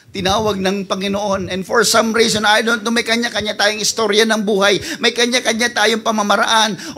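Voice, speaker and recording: A man, a pastor preaching a sermon with passion, swinging between hushed lines and shouting. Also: high-pitched.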